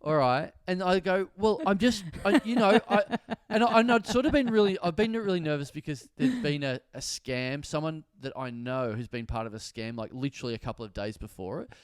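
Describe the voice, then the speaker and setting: A man's voice: a little high, animated, a little fast, hardly any pauses, smooth, no room sound, studio quality. A man co-hosting a podcast, telling a comic story, acting out the other people's lines and swearing freely. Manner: acts out dialogue in quoted voices, swears freely. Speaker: podcast co-host. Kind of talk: casual comedic storytelling.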